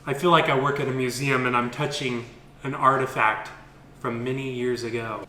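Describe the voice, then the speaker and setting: A man's voice: medium pitch, steady tone, moderate pace, bright, forceful tone. A man co-hosting a food challenge, chatting casually in a playful, jokey way. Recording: echoey room, faint background noise.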